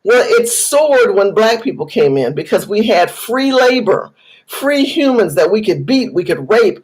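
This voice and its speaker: A woman's voice: mid-range voice, big pitch swings, a little slow, darkish tone, husky, low-quality recording. An American woman giving impassioned commentary straight to her viewers, emphatic and repetitive, driving each point home as if lecturing. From United States. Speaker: political commentator vlogger. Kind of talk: impassioned direct-to-camera commentary.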